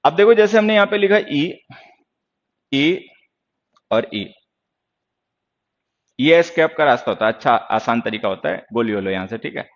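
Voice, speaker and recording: A man's voice: medium pitch, fast, few pauses, lo-fi sound. A man teaching English grammar in Hindi during an online class, lecturing sternly and answering viewers' questions.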